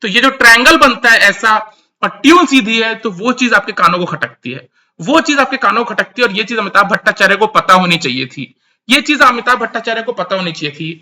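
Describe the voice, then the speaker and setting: A man with a high, lively voice and a sharp, bright tone breaks down song lyrics in an emphatic commentary. He drives his points home by repeating them. His talk mixes English terms into Hindi. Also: a little fast. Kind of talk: explanatory commentary to camera.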